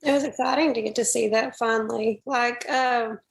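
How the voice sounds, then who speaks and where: A woman's voice: a little high, fairly even intonation, normal speed, gravelly. A married woman who is a keen fan, chatting playfully on a podcast about a movie. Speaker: podcast guest. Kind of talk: casual film review chat.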